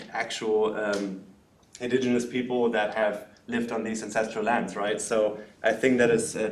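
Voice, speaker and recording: Speaking up from the audience, a man with a mid-range voice asks a lengthy, carefully worded question at a talk. He is loud but hesitant, peppering his speech with "um" and "uh," while the room echoes around him.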